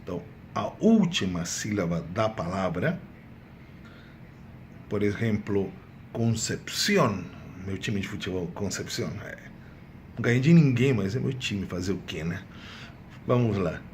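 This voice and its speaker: Man, low voice, Spanish teacher, exam review lesson, repeats key words, faint background noise. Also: animated. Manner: repeats key words, drawn-out emphatic examples.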